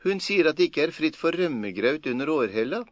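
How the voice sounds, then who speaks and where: A man's voice: a little high, very animated, dry recording, pitched above the performer's own voice. A crafty young farmhand, as a male reader plays him, cocky and offhand, his voice lifted a little above the narration. The sound is dry and somewhat muffled, a plain lo-fi audiobook read. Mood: sly. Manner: sly, cocky, nonchalant. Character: sly, cheeky young male farm lad.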